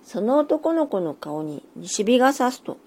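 A woman's voice: a little high, sing-song, unhurried, slightly rough. Soothing woman reading a bedtime tale. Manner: gentle, soothing. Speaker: storyteller.

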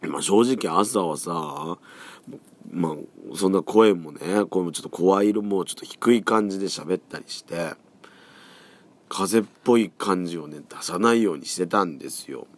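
A hoarse man around forty with a cold, hosting a casual solo podcast, chatty and rambling, often letting his voice drop and trail off. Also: deep voice, expressive, moderate pace. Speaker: podcast host.

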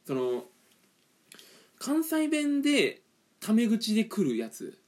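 This podcast co-host, a man from the Kanto region in eastern Japan, speaks slowly in a high-sitting voice. On the casual chat show he tells an energetic story, ranting and acting out customers.

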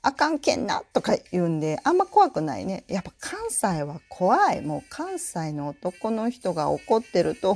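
Chatty woman from Tokushima, lively pitch. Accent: Tokushima and Kansai mix. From Tokushima, Japan. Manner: chatty, animated, laughs often. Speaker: podcast host and color school head. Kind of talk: casual solo radio talk.

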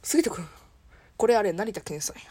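Playful Kansai woman, lively voice. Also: medium pitch, fairly quick, slightly rough, dry recording. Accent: Kansai Japanese. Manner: playful, self-mocking, chatty. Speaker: solo podcast host. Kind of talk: casual solo talk with impressions.

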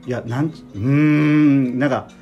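A man from Kochi with a Tosa dialect accent, co-hosting a podcast in relaxed, casual chat, halting with many fillers as he explains words. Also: mid-range voice, dull audio. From Kochi, Japan. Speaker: podcast co-host. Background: soft guitar music.

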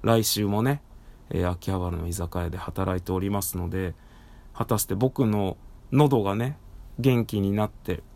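A man hosts a casual solo talk in a slightly low voice. His throat sounds hoarse and tired. He speaks through a face mask, so the words come out a little muffled. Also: a little slow, darkish tone. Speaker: podcast host and live streamer. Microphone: recorded through a face mask.

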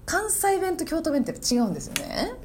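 Lively, fast-talking woman from Kyoto. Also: very high-pitched, a little hiss or hum. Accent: Kyoto dialect. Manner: animated, laughing, emphatic. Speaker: comedian. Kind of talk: casual chat.

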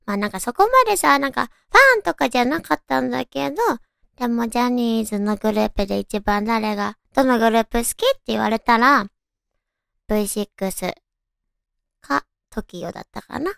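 A woman chats casually to her radio listeners in a high, cute anime-girl voice. It is very smooth and clean, recorded dry and close, and she muses aloud as she goes. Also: fairly quick, fairly bright tone, no room sound. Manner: chatty, musing aloud to listeners. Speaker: radio show host. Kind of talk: casual solo radio chat.

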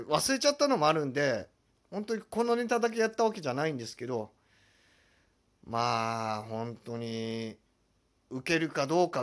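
A man hosting a solo comedy talk show, lively and self-deprecating as he explains his impressions. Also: a little high. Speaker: podcast host.

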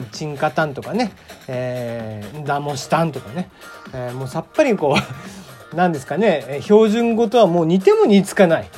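Over soft background music, a man in his forties from Kagoshima rambles through his own podcast in a chatty, radio-style monologue, dropping fillers and little chuckles. His slightly high, slightly mellow voice swings widely in pitch at a moderate pace.

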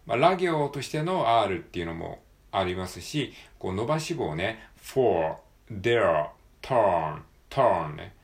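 A man with a Japanese accent talks through English pronunciation on his own, explaining points, then repeating words and phrases slowly and with emphasis. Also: on the low side, big pitch swings, vocal fry. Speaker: English pronunciation practice podcaster. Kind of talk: solo read-aloud practice with commentary.

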